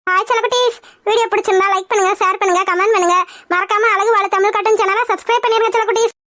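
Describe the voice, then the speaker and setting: A woman's voice: extremely high pitch, steady tone, very fast, fairly bright tone. A woman hosting a cartoon channel, giving a chirpy, affectionate outro.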